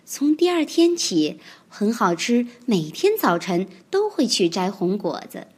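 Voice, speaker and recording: A woman reading a children's picture book aloud, with expressive storytelling. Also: medium pitch, unhurried, breathy edge.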